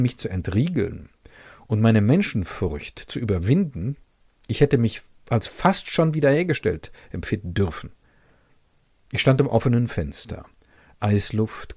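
A man with a fairly low voice reads a literary novel aloud, slow and measured, lingering over sentences he likes. The sound is dry and close, with no room around it. He then talks about the book in an enthusiastic but thoughtful way. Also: gravelly, a little mellow, husky, no echo. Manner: measured, reflective, pauses to savor sentences. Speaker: book reviewer reading aloud. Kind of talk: literary reading and book commentary.

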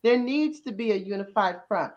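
A woman's voice: medium pitch, expressive, moderate pace, a little mellow, dull audio. A woman pastor speaking on a panel with a preaching cadence, building her points through repeated rhetorical questions. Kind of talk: panel discussion comments.

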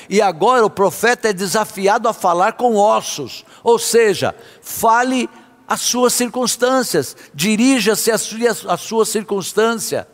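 A man preaching a sermon as a pastor, impassioned, sometimes half-singing his phrases. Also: high voice. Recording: long hall reverb.

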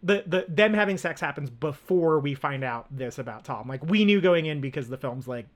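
A man's voice: fairly high pitch, lively intonation, normal speed. A man co-hosting a film podcast, talking casually with lots of fillers and restarts. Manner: rambling, many fillers and restarts. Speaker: podcast co-host.

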